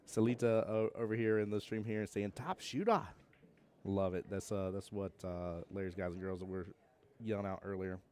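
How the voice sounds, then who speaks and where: A man's voice: low voice, little pitch movement, normal speed, warm tone, clean tone. A young man from Georgia with a Southern accent, commentating a pool tournament on a live stream and chatting with viewers in a joking, laid-back way. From Georgia, USA. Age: young adult.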